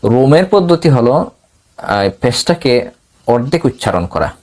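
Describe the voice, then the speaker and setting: A man speaking as a recitation teacher, taking his time over each point. He explains patiently and repeats key ideas. He often pauses on hesitant fillers as he goes. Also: mid-range voice, big pitch swings, a little mellow. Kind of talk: step-by-step recitation lesson.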